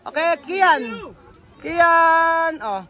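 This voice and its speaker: A woman vlogging outdoors, chatting with children in a lively, coaxing way and switching between languages. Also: very high voice, extremely slow. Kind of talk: casual vlog chat with children. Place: busy street outdoors. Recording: crowd and music noise outdoors. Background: street crowd and music.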